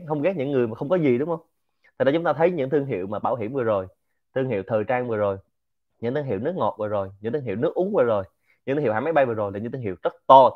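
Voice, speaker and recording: A man from central Vietnam with a Quảng Nam accent, giving an informal business lecture in an animated, rhetorical way and often asking the audience to agree. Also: mid-range voice, phone-quality sound. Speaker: lecturer and host of a Q&A show.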